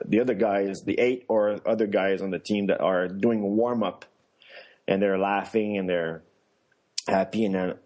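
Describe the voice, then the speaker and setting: A man's voice: fairly low pitch, darkish tone. A middle-aged man, a former athlete, casually tells a story in an interview. He restarts often and laughs here and there. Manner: rambling, with many restarts and fillers; laughs while telling stories. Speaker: guest, former luge athlete and coach.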